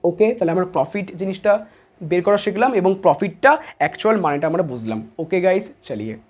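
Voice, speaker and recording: A man's voice: high-pitched, animated, fairly quick, a little mellow. A man teaching commerce online. He talks casually, asks his students quiz questions and repeats each point before answering it himself. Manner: casual, chatty, calls students guys and brother. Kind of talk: online lesson.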